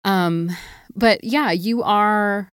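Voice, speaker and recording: A woman co-hosting a podcast, chatting casually in an animated, joking way. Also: mid-range voice, very slow, clear, resonant tone, no echo, studio quality. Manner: animated, swears, laughs often. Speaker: podcast co-host. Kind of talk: casual chat.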